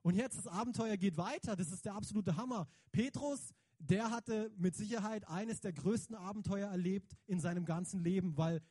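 A man giving a lively, conversational sermon, emphatic and slangy, often turning to the audience with questions. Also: high-pitched, moderate pace, husky, no echo. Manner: emphatic, slangy, keeps asking the audience "right?". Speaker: preacher.

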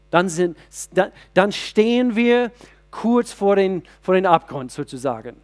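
A man's voice: high voice, a little mellow. A middle-aged male pastor preaching a sermon, asking the congregation rhetorical questions and often restarting his sentences.

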